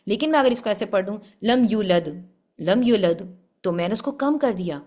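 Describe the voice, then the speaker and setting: A woman's voice: mid-range voice, expressive, a little mellow. A woman giving a religious lesson on Quran recitation, explaining patiently and often checking with her listeners. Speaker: Quran tajweed teacher.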